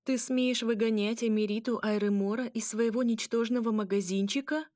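A woman voicing a brash young noble mermaid woman, loud and commanding, laughing often. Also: on the high side, expressive, a little fast, dry recording, studio quality, pitched above the performer's own voice, natural voice. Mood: boisterous.

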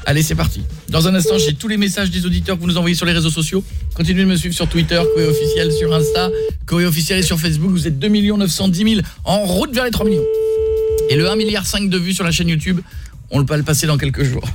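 A male radio host who riffs and mocks the day's odd news stories, playful and quick. His voice is high for a man and moves around a lot as he jokes. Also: over loud music. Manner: jokey, mocking, quick to riff. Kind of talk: morning radio banter.

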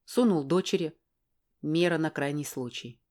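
A woman narrates a first-person audiobook in a fairly low voice. Her telling is brisk and wry, steady storytelling.

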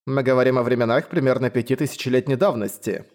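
A man voicing a sardonic, ancient creature living in a hunter's hand, with a hoarse voice and an unhurried drawl. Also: mid-range voice, fairly even intonation, darkish tone, lightly acted.

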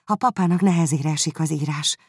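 A man voicing Jane, a kind and gentle young woman, in an audiobook. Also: on the high side, breathy edge, no room sound, clean studio sound, voice pushed up. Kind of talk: audiobook character reading.

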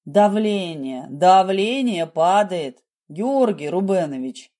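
A woman voicing a female anesthesiologist in an audiobook, strained and helpless, dragging out her words. Her tone stays mellow and warm. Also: fairly high pitch, measured pace, close to an everyday voice. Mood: tense.

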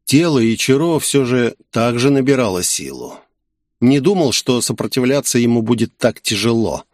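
A man's voice: mid-range voice, lively intonation, normal speed, darkish tone, no room sound. Man narrating an audiobook, dry sound. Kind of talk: scripted first-person narration.

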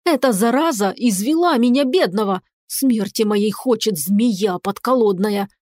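A woman voicing a hysterical talking tomcat uncle who wails and pleads in a slow, high, drawn-out voice. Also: a little mellow, no room sound, clean studio sound. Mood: wailing.

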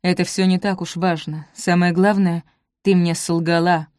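A woman voicing a hurt young gentleman, speaking low, quiet and cold, and breaking into angry shouts. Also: level tone, moderate pace, dry recording, clean studio sound, lightly acted.

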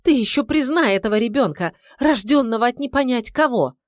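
A woman voicing a hysterical, pleading middle-aged wife with a shrill, tearful manner. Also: animated, measured pace, dry recording, studio quality. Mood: shrill accusing.

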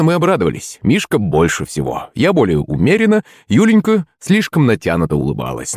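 A man reading a story aloud in the first person, expressive and lively. His voice sits low but swings widely in pitch. The recording is dry and close. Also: no room sound. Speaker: narrator. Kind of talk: scripted audiobook narration.

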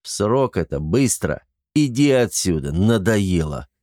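A man reading an irritable young lord who barks orders at his slow-witted subordinates. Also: fairly low pitch, big pitch swings, dark tone, no echo, studio quality. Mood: scolding. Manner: brusque, exasperated, commanding.

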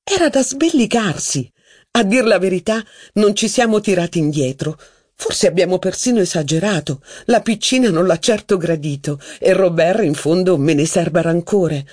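A man putting on a mocking aristocratic duchess. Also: moderate pace. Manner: mocking, gossipy, lively pitch. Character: haughty witty middle-aged aristocratic duchess.

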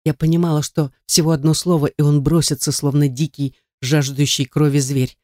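A man's voice: fairly high pitch, little pitch movement, moderate pace, a little mellow, no room sound, clean studio sound. A man narrating a first-person novel in a tense, dramatic reading. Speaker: audiobook narrator.

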